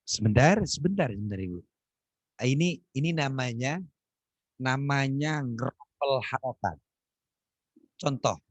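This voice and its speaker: A man teaching Quran recitation on a video call, correcting students and demonstrating verses in a slow, drawn-out chant. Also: mid-range voice, lively intonation, no echo. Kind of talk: online Quran recitation lesson.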